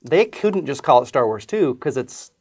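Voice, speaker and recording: A man's voice: mid-range voice, big pitch swings, moderate pace, warm tone, breathy edge. A man co-hosting a casual movie podcast, joking and making wry asides. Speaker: podcast co-host. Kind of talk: casual chat.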